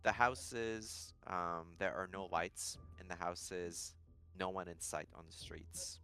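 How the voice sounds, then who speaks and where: A man narrating a tabletop game as game master, calm and descriptive with frequent fillers. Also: low voice, slow, gravelly.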